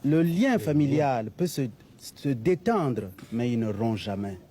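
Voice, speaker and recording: A man's voice: medium pitch, big pitch swings, slow, mellow. A man from Congo giving a solemn, emotional formal address.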